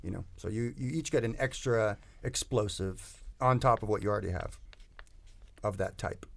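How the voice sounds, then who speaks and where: A man's voice: on the low side, moderate pace, gravelly. A man narrating as game master of a tabletop role-playing game, talking loosely with many restarts and fillers.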